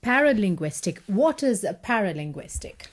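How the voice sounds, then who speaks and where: A woman's voice: mid-range voice, big pitch swings, moderate pace. A woman hosting a radio interview who asks short, direct questions. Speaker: radio host.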